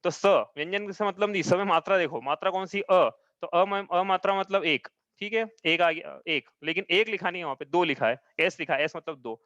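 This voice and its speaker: A man's voice: high voice, fairly bright tone, no room sound. A man teaching a live class, patiently explaining each step and often checking that his students follow. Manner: chants verses slowly. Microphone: own mic, audio only.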